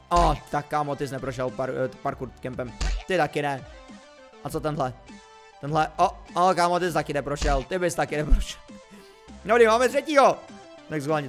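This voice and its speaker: Excitable young Czech-speaking gamer man. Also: on the high side. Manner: excitable, jokey, swings between muttering and yelping. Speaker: gaming YouTuber. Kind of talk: casual game commentary.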